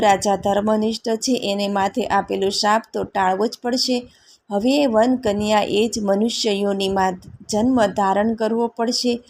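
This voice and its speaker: A woman voicing a calm amused male god. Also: mid-range voice, slight background noise, lightly acted.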